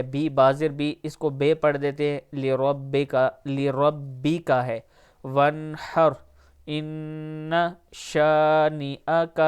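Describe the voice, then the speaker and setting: A man teaching recitation word by word, drawing out each syllable slowly and then explaining mistakes quickly. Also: medium pitch, darkish tone, clean tone.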